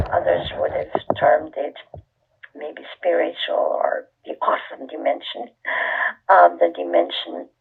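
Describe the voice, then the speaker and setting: Gravelly older woman on a phone line. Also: fairly low pitch. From Austria. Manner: slow, thoughtful, soft and breathy at times. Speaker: interview guest, author. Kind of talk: conversational interview.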